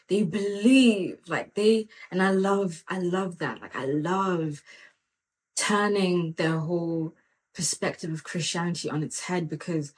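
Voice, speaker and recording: Woman mentor chatting about faith, kinda low voice, earnest, lots of "like". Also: rough recording. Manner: earnest and animated, full of "like" and "come on". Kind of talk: casual faith talk with personal story.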